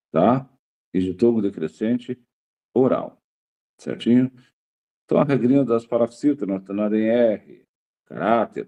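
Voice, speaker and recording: A man's voice: medium pitch, phone-quality sound. A male teacher giving a grammar lesson to a class, repeating key words and checking in with the students after nearly every point.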